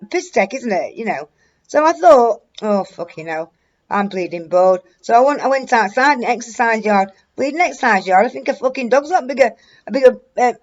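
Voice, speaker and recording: A woman's voice: a little high, highs cut off. A woman, telling a rambling, blunt, sweary story to her viewers. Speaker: vlogger. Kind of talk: casual storytelling to camera.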